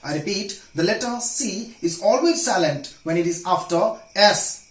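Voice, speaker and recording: A man teaching a pronunciation lesson, saying each example word clearly and repeating key rules. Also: high-pitched, expressive, normal speed, roomy sound, rough recording. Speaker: English teacher.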